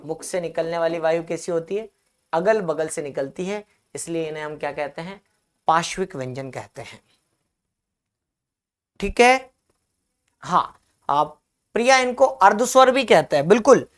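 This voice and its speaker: Man drilling a grammar lesson. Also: fairly high pitch. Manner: drills by asking and answering his own questions; repeats key terms slowly for note-taking. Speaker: Hindi teacher. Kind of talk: live online grammar class.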